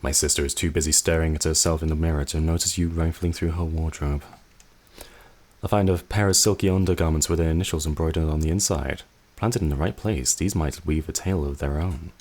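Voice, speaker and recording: A man hosting a let's play, reading the game's narration aloud in a measured way with dry asides. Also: very deep voice, fairly even intonation, darkish tone.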